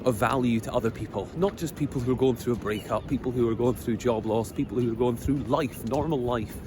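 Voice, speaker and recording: A middle-aged man with a Scottish accent reflects on his life out loud, halting and earnest, filling his pauses with ums. He records outdoors near the sea, with clear noise from vehicles and the street around him. His voice sits at an ordinary male pitch. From Scotland. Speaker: vlogger. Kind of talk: reflective personal monologue. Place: outdoors on a coast. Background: outdoor noise, passing vehicles.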